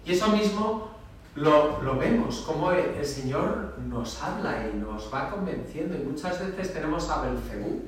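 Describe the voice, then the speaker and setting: A man's voice: fairly high pitch, animated, measured pace, a little hiss or hum. A man, a priest, giving a homily in an emphatic, conversational preaching style. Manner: emphatic, conversational preaching with dramatic quoted voices. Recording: echoey church from far off.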